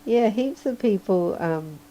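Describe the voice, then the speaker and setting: A woman chatting casually on a livestream while drawing, hoarse and sleepy, rambling and chuckling often. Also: mid-range voice, expressive, slow pace, mellow, muffled recording. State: hoarse, losing her voice. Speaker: livestreaming digital artist.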